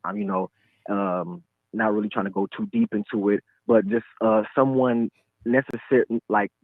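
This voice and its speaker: A man in his twenties from Michigan speaks as a caller to a live show, his voice heard over a phone line. His voice sits fairly low, and he talks in a hesitant, halting way full of fillers. The line sounds thin, tinny and dry. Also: fairly even intonation, no room sound. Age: 20s. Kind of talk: casual call-in chat.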